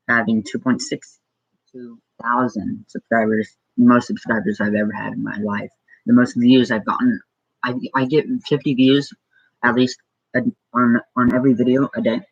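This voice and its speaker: This is a teen boy from Arizona, a small YouTuber, doing a casual livestream Q&A from his room through a computer mic. His voice is medium-pitched, gravelly and slightly rough, and he reads questions aloud before answering offhand, hesitant and heavy on ums and likes. The sound is lo-fi, without echo.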